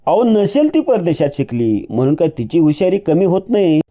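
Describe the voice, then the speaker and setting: A man's voice: fairly high pitch, very animated, moderate pace, warm tone. A man voicing a kindly older father-in-law who argues patiently and persuasively.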